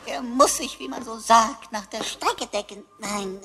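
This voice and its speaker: A cheeky idiom-mangling sidekick. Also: female voice, a little high. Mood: mock-solemn. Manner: slow, mock-solemn, muddles idioms. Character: cheeky talking sidekick Sammy, mangles sayings.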